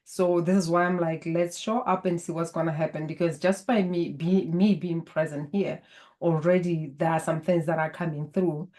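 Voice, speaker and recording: Speaking in an interview as a guest healer, this native Setswana speaker from Botswana sounds low, warm, and calm. She offers spiritual guidance at a measured pace.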